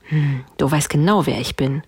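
A woman's voice: low-pitched, moderate pace, slightly rough. A woman voicing a haughty, huffy unicorn who always says no, in a children's story read aloud.

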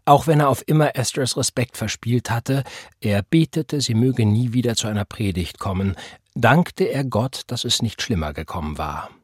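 A man reading a novel aloud in measured, scripted audiobook narration. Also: lowish voice, breathy edge, no room sound, clean studio sound.

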